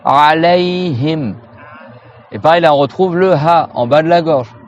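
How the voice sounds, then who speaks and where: A man from France teaching Quran recitation in a casual lesson, repeating each sound slowly and often checking in with his students. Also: on the high side, a little mellow, lo-fi sound, a little hiss or hum. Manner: casual, familiar, checks in with "d'accord?". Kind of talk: informal pronunciation lesson.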